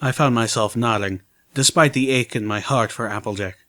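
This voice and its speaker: A man reads a fan fiction story aloud in the first person. His voice sits in a medium male range, delivered as steady storytelling. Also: medium pitch, moderate pace. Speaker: audiobook narrator.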